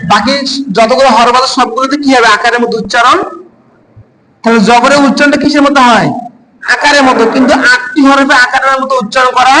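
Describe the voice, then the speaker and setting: A man with a Bangladeshi Bengali accent teaching Quran pronunciation, calling out letters slowly and loudly for a class to repeat. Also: very high-pitched, noisy background. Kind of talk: call-and-response pronunciation lesson.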